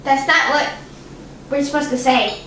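A woman's voice: sits high, measured pace, a bit bright, a little hiss or hum. A woman puppeteer improvising a home cooking show, chatty and self-conscious, also minding the camera. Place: home kitchen. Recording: echoey home kitchen.

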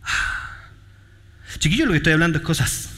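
A Chilean pastor preaching a sermon in church, telling stories with jokes and street slang. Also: male voice, fairly high pitch, moderate pace. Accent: Chilean Spanish. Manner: animated, joking storytelling with street slang.

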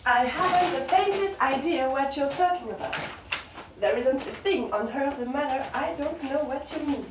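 A woman's voice: sits high, moderate pace, lightly acted. An actress playing a prim, wounded woman who is coldly and sarcastically polite to her boyfriend, in naturalistic film dialogue. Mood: icily polite. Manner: icily polite, passive-aggressive, sarcastic self-pity. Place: living room of a home. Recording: roomy room echo, faint background hum.

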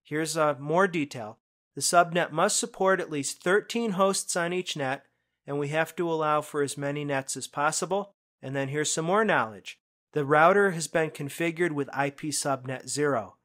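A man narrating a screencast lesson on IT certification, explaining questions in a conversational way that speeds up and slows down for emphasis. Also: a little high, fairly bright tone. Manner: conversational, explanatory, quick bursts then slow emphasis. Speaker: IT certification instructor.

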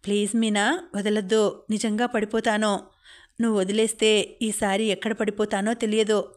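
A young man in a romance audiobook, pleading and then teasing in a calm, unhurried way, as a woman reads his part. His voice stays fairly even and mid-pitched, with little rise and fall. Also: natural voice.

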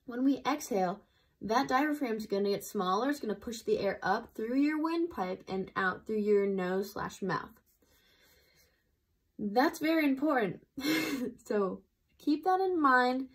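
A woman teaching an intro breathwork lesson, explaining slowly and gently and guiding the listener through breaths. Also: a little high, expressive, slightly rough, rough recording. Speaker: breathwork instructor.

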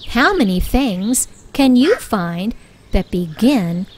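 A woman reading a children's picture book aloud with clear, expressive storytelling. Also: mid-range voice, slow, slight background noise. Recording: soft music bed underneath.

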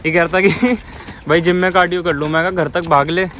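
A man's voice: fairly high pitch, steady tone, quick pace, pushed and bright. Young man joking while cycling. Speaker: vlogger. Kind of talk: casual chat. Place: outdoors on city streets at night and in a gym. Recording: noisy outdoor street ambience.

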